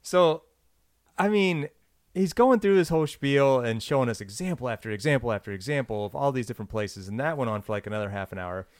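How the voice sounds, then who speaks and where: Brief: conversational male storyteller, mid pitch, dry close sound, rambling delivery. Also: lively intonation, fast talker, darkish tone, no echo. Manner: rambling, filler-heavy storytelling. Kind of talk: casual storytelling chat.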